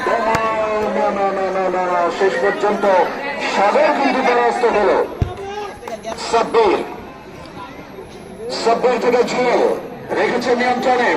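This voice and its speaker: A man giving live play-by-play football commentary in a declamatory way, repeating players' names and phrases. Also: very high voice. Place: outdoor football ground. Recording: echoey distant PA, loud crowd.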